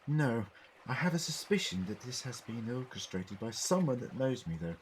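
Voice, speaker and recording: Man playing the Doctor, animated brainy time traveller. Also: medium pitch, moderate pace, slight background noise, natural voice, poor audio. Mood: troubled. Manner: theatrical, explanatory, precise wording. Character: eccentric, brainy alien male time traveller. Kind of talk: fan audio drama acting.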